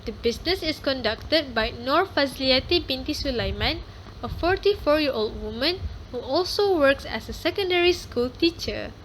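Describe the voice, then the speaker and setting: A young woman with a high, bright voice reads a class presentation carefully and steadily. A faint hiss of noise sits under her voice throughout. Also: lively intonation, moderate pace, rough recording. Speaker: student presenter. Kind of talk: reading a prepared class presentation.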